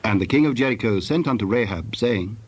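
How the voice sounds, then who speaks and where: A man narrating scripture in a solemn, scripted storytelling style with a husky voice. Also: on the low side, animated, a little fast.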